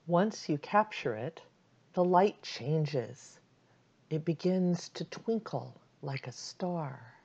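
Slow, soothing woman meditation guide. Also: low voice, slightly rough, highs cut off. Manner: calm, soothing, unhurried instructions with long pauses.

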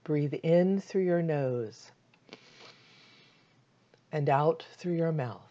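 Woman meditation guide: low, very slow, soothing delivery, slightly muffled recording. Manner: calm, soothing, unhurried instructions with long pauses.

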